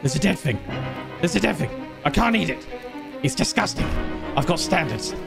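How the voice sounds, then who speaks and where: Joking gamer over game music. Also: male voice, lively intonation, moderate pace, gravelly. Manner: joking, talks to himself, sudden high yelps. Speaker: gaming streamer. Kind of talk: playful game commentary with silly voices.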